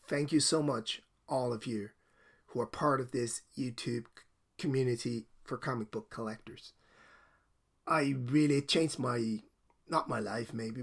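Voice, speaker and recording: A middle-aged Danish comic book collector records a heartfelt video message on a desk microphone, sounding casual and apologetic while he rambles and laughs often. His Danish accent carries traces of Irish and American, and his mid-range voice is gravelly, a bit bright and slightly rough.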